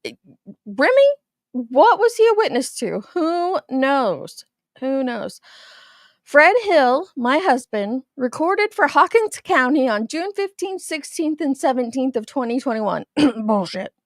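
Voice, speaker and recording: A woman's voice: high-pitched, big pitch swings, unhurried, no echo, clean studio sound. A woman with a lisp and whistling s, hosting a casual livestream commentary in a blunt, skeptical manner. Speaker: host.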